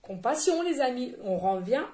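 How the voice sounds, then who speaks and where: High-pitched lady doing a chatty card reading, rambles a lot, roomy sound. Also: big pitch swings, normal speed, warm tone. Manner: chatty, rambling, laughing, addresses listeners as friends. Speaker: medium giving oracle card readings. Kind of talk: casual spiritual card reading.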